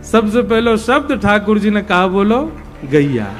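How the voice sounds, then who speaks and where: A male preacher tells devotional tales at an unhurried pace in a fairly high voice. He lovingly acts out the figures in his stories. Faint devotional music plays behind him. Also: big pitch swings. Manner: tells tales lovingly, leads the crowd in chanted song. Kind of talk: devotional storytelling sermon.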